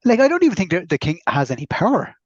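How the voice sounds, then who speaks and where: An Irish man co-hosting a podcast, chatting casually and cracking quick jokes. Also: sits high, huge pitch swings, breathy edge, no echo, lo-fi sound. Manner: joking, quick quips. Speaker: podcast co-host. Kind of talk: casual chat.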